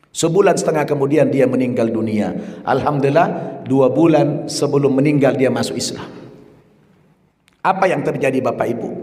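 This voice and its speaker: A male preacher, telling a personal story in a sermon and acting out the voices of the people in it. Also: mid-range voice. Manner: animated storyteller acting out quoted voices, rising to shouted prayer. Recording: hall reverb.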